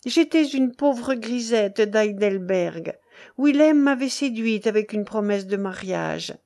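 A woman's voice: a little high, expressive, slow, dark tone. A woman voicing a frightened young woman, pleading and guilt-ridden, in a read-aloud story. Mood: anguished. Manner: trembling, urgent pleading.

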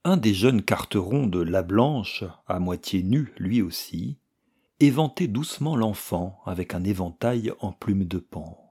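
Slow, husky male storyteller. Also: lowish voice, animated, darkish tone. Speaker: narrator. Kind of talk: literary story reading.

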